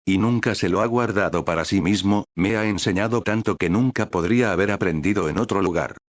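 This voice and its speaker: A man's voice: sits low, brisk, no echo, studio quality. Man voicing an earnest, humble young ninja. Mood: sincere.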